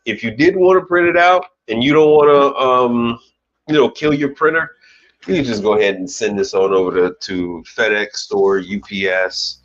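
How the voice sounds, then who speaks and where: A man in his forties from the United States, a commercial appliance repair technician who hosts his own channel, chats casually on a live stream with a mid-range voice at a moderate pace. He rambles, swears lightly, and keeps restarting his sentences. The audio is dull and lo-fi, with a little hiss or hum and faint music behind him.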